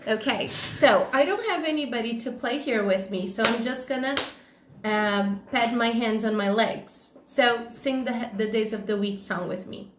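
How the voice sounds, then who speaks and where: Teacher lady, talks real slow and sing-songy to little kids, kinda high voice. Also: fairly bright tone. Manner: slow, sing-song, encouraging questions to children. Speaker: kindergarten teacher. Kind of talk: online lesson for young children.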